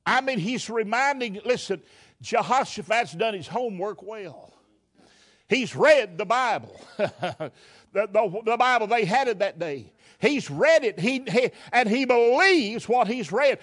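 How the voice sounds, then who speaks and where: Man preacher, very high voice, fervent folksy sermon delivery. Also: animated, measured pace, fairly bright tone. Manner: fervent, folksy, rhetorical questions, repeats words.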